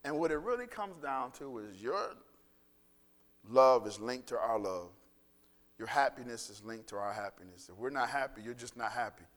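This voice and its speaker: A man's voice: medium pitch, lively intonation, normal speed, fairly bright tone, in a large hall. A man preaching a sermon in a conversational style, acting out the voices he quotes, then leading a closing prayer. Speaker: pastor.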